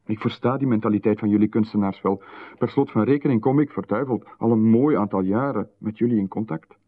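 Calling himself Marchon, a smooth and menacing male visitor speaks condescendingly to a writer in a 1990s radio play, acting as a patronizing official. The man's fairly low voice stays calm before it turns sharply indignant. The sound is confined to a narrow, phone-like radio band.

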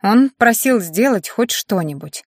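A gruff, world-weary man who grumbles his lines in a low-key, serious way, as a woman reading an audiobook puts him on. The voice sits a little lower and quieter than the reader's own. It is recorded dry and close. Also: lively intonation, a little slow, dry recording. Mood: grumbling.

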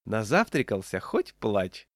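A man's voice: on the low side, very animated, unhurried, no echo, clean studio sound. A man voicing a cloakroom attendant who is cheerful and blunt, with a mocking tone. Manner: mocking, then curt.

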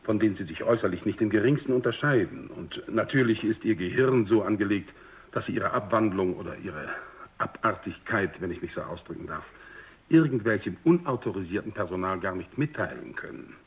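A man with a lowish, expressive voice plays a courteous general in a German radio drama, commanding a research base and explaining himself formally and carefully. His manner is polite and measured, his mood reassuring, and the recording sounds dull and lo-fi.

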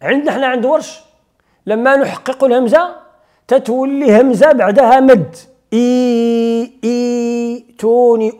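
A man's voice: sits high, a little mellow. A man with a Moroccan Arabic accent teaching Quran recitation rules. He explains step by step, puts questions to his students and recites short examples.

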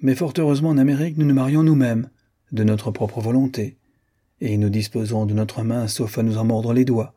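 A man's voice: mid-range voice, fairly even intonation, normal speed, warm tone, close to an everyday voice. A man voicing a chatty, teasing young American society woman in an audiobook, playful and lightly mocking. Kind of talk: audiobook character voice.

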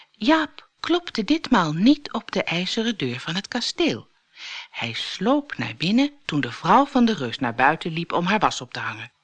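Expressive woman reading a fairy tale. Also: fairly low pitch, no room sound. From Netherlands. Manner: expressive, dramatic storytelling. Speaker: storyteller. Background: background music.

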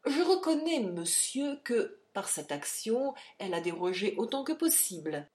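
A proud young gentleman answers back with indignation, as a woman reads him aloud. His pitch leaps up when he grows heated. It comes from a storybook audiobook. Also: big pitch swings, a little slow. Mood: indignant. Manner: indignant, shouting.

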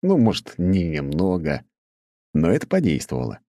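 A man narrating an audiobook in a lively, expressive storytelling manner. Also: sits low, moderate pace, no room sound, studio quality.

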